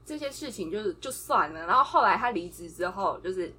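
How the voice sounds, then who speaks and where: A woman, co-hosting a podcast and telling office stories in an animated way, acting out the dialogue. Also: mid-range voice, fairly quick, slightly rough. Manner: animated, acts out quoted dialogue, laughs often. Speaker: podcast co-host. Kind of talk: casual chat, storytelling.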